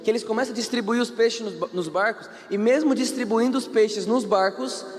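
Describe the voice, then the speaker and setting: A man with a Brazilian Portuguese accent preaching a sermon in an animated way, acting out the people in the story and asking the audience questions. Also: very high voice, fairly quick, long reverb tail. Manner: animated, acts out quoted characters, asks the audience questions.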